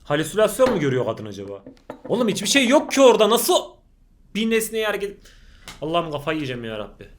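A man reacting to horror clips, jumpy, swearing oaths, shrieking at scares and then hushing himself. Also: high-pitched, big pitch swings, fast, a little hiss or hum. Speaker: YouTuber reacting to horror videos. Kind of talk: reaction commentary.

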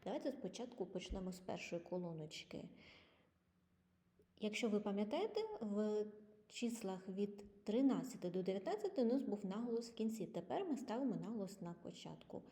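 Woman, teacher, patient, clear drills, mellow tone. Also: mid-range voice, expressive. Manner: patient, clear, slow model pronunciation of English words. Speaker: English teacher. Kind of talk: online language lesson. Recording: long reverb.

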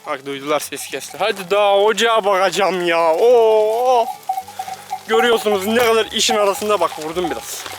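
A man's voice: high voice, brisk. Chatty man calling out to his herd. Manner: chatty, coaxing and scolding the animals with repeated calls; joking asides to viewers. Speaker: vlogger herding livestock. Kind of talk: casual running commentary to camera. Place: outdoors on a pasture with animals. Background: background music and farm animals.

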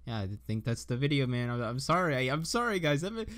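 A man's voice: mid-range voice, sing-song, fast talker. A young man rambling in a goofy, self-deprecating way while he cooks in a home kitchen. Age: young adult. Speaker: vlogger. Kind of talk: casual cooking vlog. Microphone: camera held by someone a few steps away. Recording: echoey kitchen, far from mic, loud music behind.

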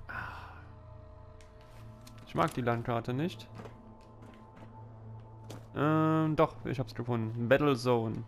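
Slow-paced man doing gameplay commentary. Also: mid-range voice, vocal fry, faint music behind. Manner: muttering to himself, sweary. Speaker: let's player.

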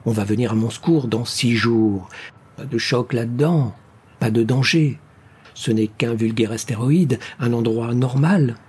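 A man's voice: medium pitch, a little slow, husky. A man voicing a shaken stranded astronaut. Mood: reasoning. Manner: frantic, then forcing himself calm.

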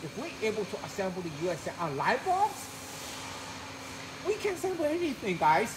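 A middle-aged man, giving a live walkthrough of a warehouse, halting with many fillers and repeated words. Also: high voice, huge pitch swings. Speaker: company executive giving a tour. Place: large warehouse, indoors. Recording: noisy warehouse ambience.

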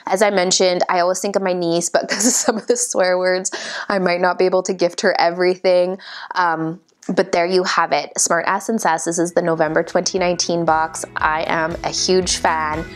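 A woman's voice: lowish voice, level tone, moderate pace. A woman chatting casually as she unboxes a subscription box, amused and laughing often as she reads out each item. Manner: amused, giggly, reads items out. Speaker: unboxing vlogger.

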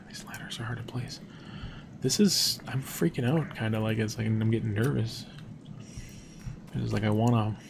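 A young man commentating a game casually, thinking aloud and dropping to hushed tones when nervous. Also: mid-range voice, vocal fry, background noise. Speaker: gameplay commentator. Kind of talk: casual let's-play commentary.

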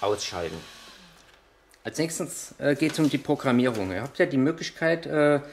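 A man's voice: mid-range voice, expressive, moderate pace, a little hiss or hum, low-quality recording. A man giving a hands-on tutorial on a model truck, explaining each step while he handles the parts, with frequent hesitations. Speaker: RC model reviewer.

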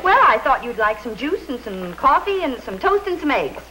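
An actress playing a patient young mother in a 1950s television sitcom, coaxing and gently teasing. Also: high voice, very animated, moderate pace. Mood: patient, placating. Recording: noisy 1950s TV soundtrack, audience sound.

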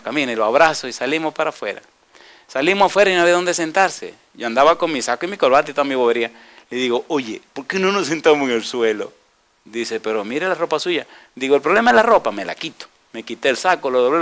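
A male pastor preaching a sermon, telling a personal story and putting rhetorical questions to the congregation, often rising to loud, high preaching.

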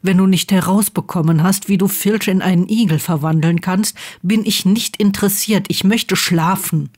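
A woman doing a hushed, grumpy teenage boy. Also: mid-range voice, normal speed, natural voice. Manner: hushed, whispering.

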